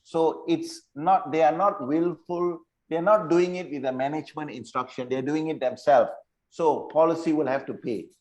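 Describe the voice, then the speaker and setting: A man runs an online insurance training session, his pitch slightly raised and his voice a little mellow at normal speed. He repeats key phrases and keeps checking that listeners understand. The audio quality is poor.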